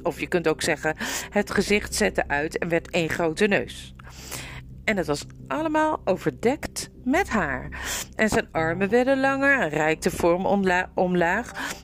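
A woman reading a children's novel aloud with expressive, lively storytelling. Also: medium pitch. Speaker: storybook narrator.

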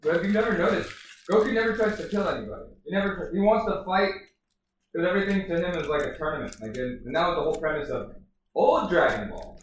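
A man's voice: sits high, lively intonation, quick pace. A man in casual chat who explains things at length and keeps checking in with "right?". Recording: roomy echo, distant mic, faint noise.

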